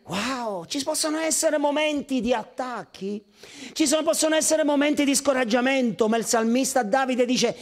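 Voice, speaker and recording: A man preaching a sermon as pastor. He moves between shouted exhortation and hushed asides, and he calls on the congregation to repeat phrases after him. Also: very high voice, moderate pace. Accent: Italian. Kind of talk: Pentecostal-style sermon.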